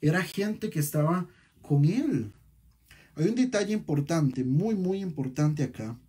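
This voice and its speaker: Male pastor, husky voice, fairly high and lively pitch, sermon. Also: unhurried. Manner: animated preaching with rhetorical questions.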